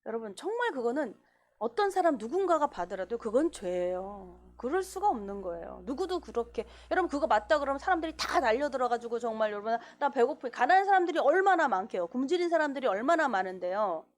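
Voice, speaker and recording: A woman's voice: sits high, very animated, fast talker. A woman preaching a sermon in a church, acting out quoted voices as she goes. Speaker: pastor.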